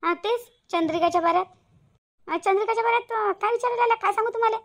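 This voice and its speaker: A woman voicing a loud, quarrelsome middle-aged village auntie in a cartoon, firing off demanding questions. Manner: demanding, shrill, rapid-fire questions. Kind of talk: cartoon voice acting.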